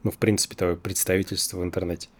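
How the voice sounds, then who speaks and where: A man who has trouble pronouncing the letter r, talking casually and hesitantly as an interview guest, thinking aloud with drawn-out pauses. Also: sits low, flat delivery. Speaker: interview guest, design company executive.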